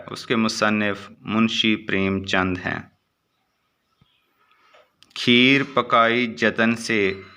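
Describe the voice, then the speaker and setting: A man reading short exam answers aloud as a teacher, in a steady recitation with brief asides. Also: fairly low pitch, clean tone.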